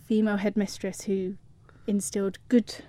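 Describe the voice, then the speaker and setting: A woman's voice: medium pitch, level tone, moderate pace, mellow. A middle-aged woman with a southern English home counties accent, chatting as a guest in a radio interview. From Surrey, England. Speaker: studio guest.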